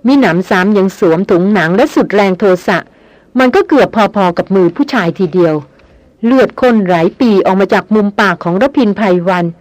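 A narrator reading a novel aloud in steady, measured storytelling. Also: medium pitch, no echo. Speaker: audiobook narrator.

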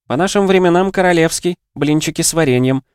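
A man's voice: on the high side, quick pace, smooth, dry recording, clean studio sound, pitched above the performer's own voice, lightly acted. A man reading an audiobook, voicing a cheerful, teasing young woman cooking breakfast. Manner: bright, teasing, lively.

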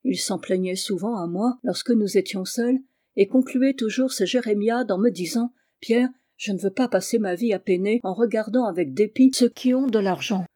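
A reader voicing a timid, gentle young man who speaks earnestly and gravely, in an audiobook reading. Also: mid-range voice, moderate pace, no echo, clean studio sound, natural voice. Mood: confessional.

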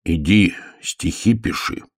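A man voicing a self-important little bear cub in a storybook reading, measured and lecturing, with a husky voice. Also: low voice, animated, no echo, studio quality, exaggerated voice. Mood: stern.

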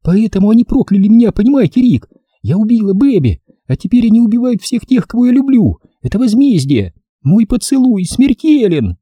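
A man's voice: sits high, lively intonation, fast talker, few pauses, breathy edge, no echo, highs cut off, pitched above the performer's own voice. A man voicing a terrified young woman pleading for help over the phone, wailing and whispering in hysterics. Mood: frightened.

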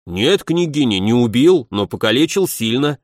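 A plump, indignant nobleman, played by a male narrator, presses his complaint with insistent righteousness. His pitch moves a lot as he argues. The sound is close and dry. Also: very animated, normal speed, no echo, natural voice. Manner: aggrieved, insistent.

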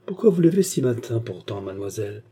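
A man's voice: lowish voice, sing-song, quick pace, dark tone, breathy edge. A man voicing a devoted old female servant, tender and fretful, in an audiobook. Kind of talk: audiobook character voice.

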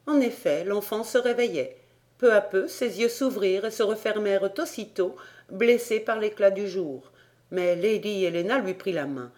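Lectrice de livre audio, lecture claire et posée, voix de hauteur moyenne. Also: female voice, medium pitch, moderate pace, darkish tone. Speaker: audiobook reader. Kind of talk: literary audiobook narration.

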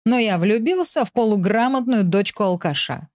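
A woman's voice: mid-range voice, animated, moderate pace, pitched above the performer's own voice, natural voice. A woman voicing a cruel, mocking husband who sneers and taunts his wife in an audiobook. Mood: taunting.

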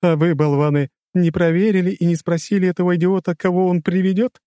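A man doing a high mocking woman crime boss. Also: level tone, fairly quick, dark tone, dry recording, natural voice. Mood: imperious. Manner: mocking, imperious, high put-on voice. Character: commanding amused woman crime boss, adult.

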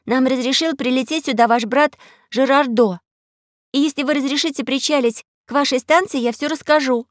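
A woman plays an earnest young girl, pitching her high voice above her natural one while staying close to an everyday sound. She pleads earnestly at a moderate pace, in a dry, clean studio recording.

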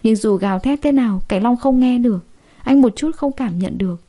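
A woman narrating a dramatic first-person story in a steady, emotional storytelling manner. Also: fairly high pitch, a little fast.

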